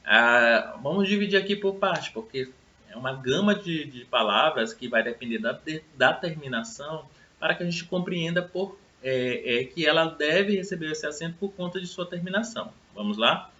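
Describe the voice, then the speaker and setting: A man's voice: on the high side, lively intonation, moderate pace, pushed and bright, a little hiss or hum. A man teaching a recorded grammar lesson to students, friendly and explanatory, often checking in with tag questions. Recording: roomy, slightly dull sound.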